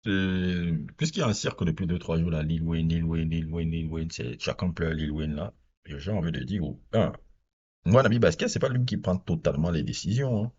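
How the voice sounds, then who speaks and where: A man with an extremely deep, husky voice rambles through his opinions as a reaction video host. He talks straight to his viewers in a loose, casual way, and the recording sounds dull and lo-fi. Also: moderate pace, a little mellow.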